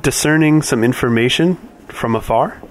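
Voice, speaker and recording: A man's voice: medium pitch, moderate pace, natural voice. Man playing a hesitant, overly polite adventurer. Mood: courteous, hesitant. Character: polite, evasive male adventurer seeking temple favors.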